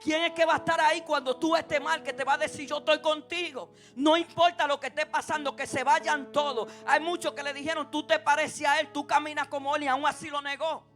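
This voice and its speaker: A woman preaching a sermon at a church service, asking the congregation repeated questions and swinging from emphatic peaks to low, intimate passages. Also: steady tone, fairly quick, hardly any pauses, fairly bright tone. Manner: impassioned, rising to emphatic peaks then dropping low and intimate. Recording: preaching over background music.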